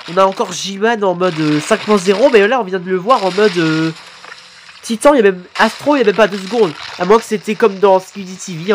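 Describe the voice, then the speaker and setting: A man commenting live on videos his subscribers made, excitable and quick to exclaim and swear. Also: high-pitched, slight background noise. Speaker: YouTuber reacting to fan animations.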